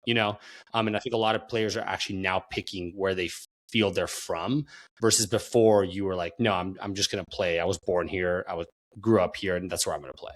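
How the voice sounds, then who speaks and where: Low-voiced man in casual podcast chat. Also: steady tone, fairly quick. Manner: rambling, repeats words while thinking. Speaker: podcast co-host.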